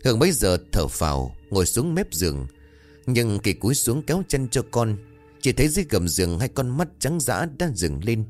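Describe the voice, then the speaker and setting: A man narrating a horror story in a dramatic, expressive way. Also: mid-range voice, moderate pace, faint music behind.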